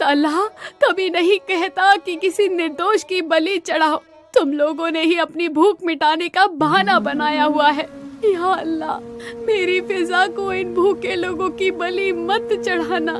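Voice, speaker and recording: A woman doing a cartoon granny with a low, slow, scolding voice who fiercely guards her goats and turns tearful and pleading over them. she sounds old and stubborn, with a slight lift of high pitch under the put-on gruffness. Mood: indignant. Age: older. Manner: scolding, then weeping and pleading.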